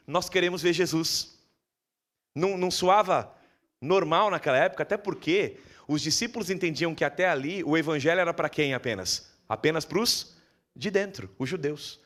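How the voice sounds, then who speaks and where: A man with a Brazilian Portuguese accent preaching a sermon in a church, telling the story vividly and acting out dialogue in a lowered voice. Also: a bit bright. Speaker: pastor.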